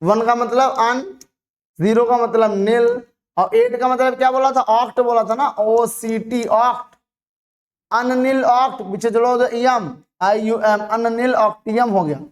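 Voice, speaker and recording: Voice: mid-range voice, steady tone. Teacher drilling terms by repetition. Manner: asks and answers own questions, repeating terms slowly. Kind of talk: online chemistry lesson.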